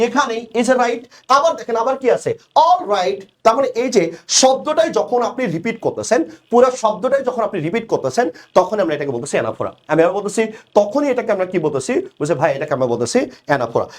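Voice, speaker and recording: A young male tutor teaches in a fairly high voice that rises and falls a lot. He drills each term by repeating it and answering his own questions. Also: sing-song, normal speed. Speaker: English tutor. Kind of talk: exam-prep lecture.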